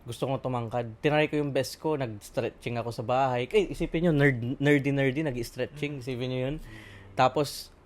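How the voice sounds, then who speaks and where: A man from the Philippines talks in a relaxed, chatty way on a podcast. He tells long stories and pads them with fillers as he thinks aloud. His voice sits in an ordinary middle pitch. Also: moderate pace. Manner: chatty, storytelling, many fillers. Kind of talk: casual chat.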